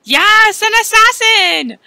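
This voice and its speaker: A woman voicing an excitable, melodramatic young girl detective in a cartoon comedy skit, with theatrical shouted exclamations. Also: very high-pitched, slow pace, creaky, no echo, heavily acted. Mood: excited. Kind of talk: animated comedy skit dialogue.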